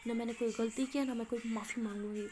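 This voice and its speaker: A woman's voice: a little high, steady tone, quick pace, over music, close to an everyday voice. Woman doing a huffy, proud college girl. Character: proud young female college student, huffy.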